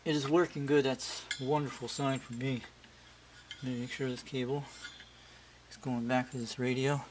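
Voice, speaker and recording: Testing his radio equipment, a hobbyist shows off his setup in casual, rambling chat that keeps circling back on itself. His voice is medium-pitched and his speed normal. A loud hum and heavy steady noise fill this very noisy amateur recording.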